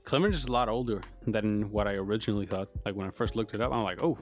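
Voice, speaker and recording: A man's voice: fairly low pitch, fast, soft background music. A man co-hosting a podcast, talking casually with slang and teasing his co-host in a mock-dejected way. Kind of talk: casual sports chat.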